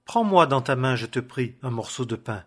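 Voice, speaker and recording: A man's voice: medium pitch, a little slow, a bit bright, breathy edge. A man voicing a solemn, fervent male prophet in a scripture reading, in a declaiming manner. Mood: entreating.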